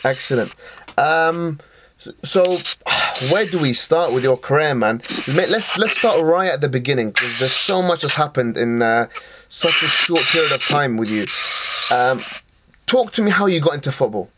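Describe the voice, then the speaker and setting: A man's voice: fairly high pitch, lively intonation, normal speed, very noisy. A man hosting a football podcast, enthusiastic and informal. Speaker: podcast host.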